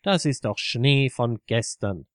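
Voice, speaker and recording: A man voicing an indignant left-wing man who is quick to anger and speaks scornfully. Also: mid-range voice, expressive, no room sound, studio quality.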